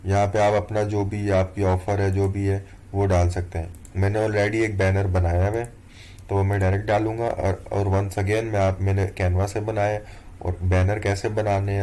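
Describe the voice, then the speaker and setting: A man's voice: deep voice, moderate pace, a little hiss or hum. A young man teaching an online course over a screen recording, talking step by step and checking in often with the viewer. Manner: relaxed, step-by-step, keeps checking in with "theek hai". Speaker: course instructor. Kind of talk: screen-recorded tutorial walkthrough.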